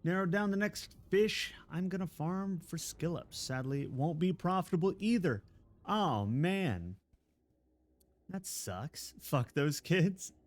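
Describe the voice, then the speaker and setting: Chatting casually while gaming on a live stream, a Texan man rambles, pokes fun at himself, and chuckles frequently. He has a high-pitched voice with lively intonation and a slow pace.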